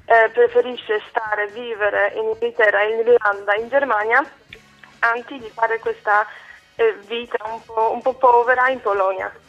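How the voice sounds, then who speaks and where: A woman's voice: on the high side, steady tone, soft background music. Polish woman on a muffled phone line. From Poland. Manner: halting, searching for Italian words. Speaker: guest. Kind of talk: phone interview.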